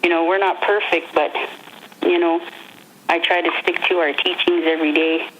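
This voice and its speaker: Earnest, reflective mom being interviewed, lowish voice, over a faintly noisy phone line. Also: female voice, steady tone, moderate pace. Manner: earnest, reflective, many restarts. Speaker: interviewee, mother.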